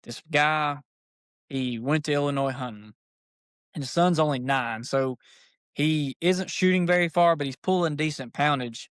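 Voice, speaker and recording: A man, an archery shop owner, telling stories as a podcast guest in a folksy, animated way. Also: on the high side, moderate pace, clean tone, no echo, studio quality. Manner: animated, folksy, says "dude" a lot. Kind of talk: casual storytelling chat.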